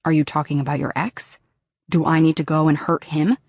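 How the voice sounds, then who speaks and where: A woman voicing a protective, blunt young man in an audiobook, speaking quietly and low. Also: little pitch movement, brisk, vocal fry, dry recording. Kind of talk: audiobook character dialogue.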